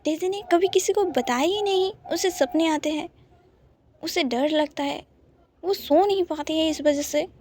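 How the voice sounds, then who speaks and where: A woman narrating a romance story in a calm, soft-spoken way. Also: extremely high pitch, measured pace.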